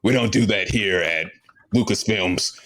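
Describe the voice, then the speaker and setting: A man's voice: on the low side, measured pace, a bit bright. A man hosting a comedy show, rambling and teasing as a sleazy casting director in an improv sketch. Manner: rambling, teasing, laughs often. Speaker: host playing a casting director.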